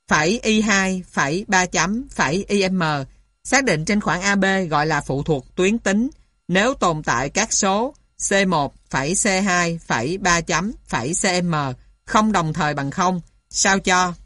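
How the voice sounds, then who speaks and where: A woman's voice: lowish voice, a bit bright, no echo, studio quality. A woman reading scripted lesson material aloud in a methodical way, carefully spelling out each element like a lecturer. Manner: methodical, spells out symbols and punctuation.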